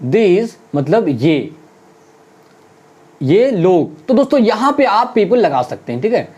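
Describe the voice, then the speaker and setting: Lesson teacher, mellow dark voice, mid pitch; friendly address to viewers, self-answered questions, slow word-by-word example drills. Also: very animated, husky, muffled recording. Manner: repeats English example sentences slowly, word by word. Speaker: spoken English teacher. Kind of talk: online classroom lesson.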